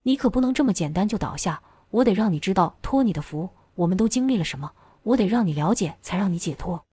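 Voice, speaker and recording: A woman's voice: mid-range voice, lively intonation, quick pace, dark tone, husky, no room sound. A stern, vengeful young man from an action novel, as a woman narrator voices him, cold and clipped in every word. The sound is dry and close to the mic. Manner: cold and curt.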